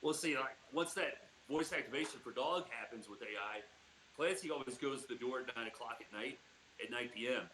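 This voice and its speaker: A man co-hosts a podcast in easy, rambling chat, padding his thoughts with fillers and laughing often. His voice is bright and forward. The recording has a roomy echo. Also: mid-range voice, a little fast, slight background noise. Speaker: podcast co-host. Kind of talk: casual chat.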